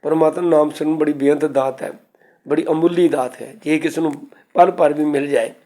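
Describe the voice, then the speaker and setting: Male preacher, warm mellow tone, slow verse recitation followed by plain explanation. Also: fairly high pitch, steady tone. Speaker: Sikh preacher. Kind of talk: scripture exposition sermon.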